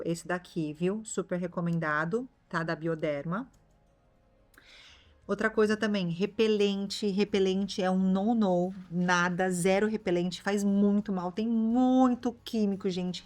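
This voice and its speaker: A woman's voice: lowish voice, darkish tone. Chatty Brazilian woman vlogger. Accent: Brazilian Portuguese. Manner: chatty, keeps checking in with viewers. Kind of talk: casual chatty vlog.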